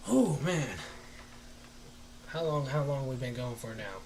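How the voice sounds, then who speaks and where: Man, live-stream reaction, rambling casual talk, mid-pitched voice, faint hiss behind. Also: fairly quick, low-quality recording. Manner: rambling, loose, swears casually. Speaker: streamer reviewing an album.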